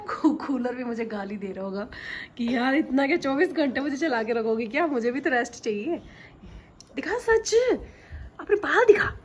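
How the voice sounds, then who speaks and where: A young woman filming a casual family vlog at home, chatting to the camera and switching to a high sing-song voice when she talks to her baby. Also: brisk, slight background noise. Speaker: vlogger mother. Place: home indoors.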